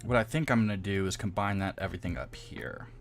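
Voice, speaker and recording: A man's voice: deep voice, animated, quick pace, faint music behind. A man streaming himself modding a game, casually thinking aloud as he works, muttering little sound effects and poking fun at his own mistakes. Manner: rambling and self-deprecating. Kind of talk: casual live-stream commentary.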